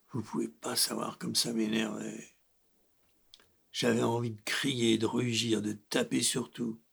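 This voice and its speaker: Sulky, growling male lion, king of the animals, lonely and grumpy, played by a man; husky, unhurried delivery for a children's storybook. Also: medium pitch.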